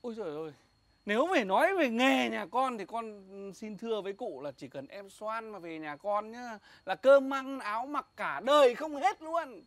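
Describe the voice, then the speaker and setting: An actor playing a cheeky young suitor who boasts and fawns with exaggerated politeness, in a comedy film. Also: male voice, very high voice, expressive, moderate pace, fairly bright tone, dry recording, exaggerated voice. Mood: fawning. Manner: boastful, fawning and over-polite. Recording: comedy film with music behind.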